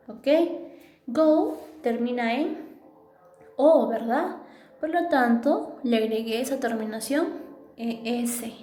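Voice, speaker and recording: Slow, patient woman teacher, echoey room. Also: a little high, darkish tone. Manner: patient, repeats rules, checks understanding with "¿verdad?". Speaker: English teacher. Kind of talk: classroom grammar explanation.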